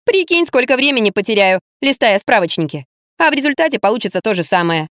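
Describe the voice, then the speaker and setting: A woman reading an audiobook, voicing a bratty, sharp-tongued teenage girl in a shrill, indignant voice. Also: sing-song, fast, dry recording, clean studio sound. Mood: teasing. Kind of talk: audiobook character voice.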